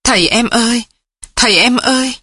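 A woman's voice: on the high side, lively intonation, normal speed, fairly bright tone, breathy edge, no echo. A woman voicing a pretty young village wife with a sweet, falsely tearful voice. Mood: wailing. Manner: sweet wailing calls.

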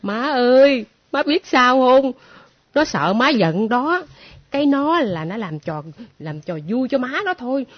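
A woman playing a chatty older sister, high and lively. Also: measured pace, exaggerated voice. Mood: amused. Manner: chatty, laughing, wheedling. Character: cheerful older sister, jokey. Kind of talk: comic stage play acting. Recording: muffled lo-fi recording.

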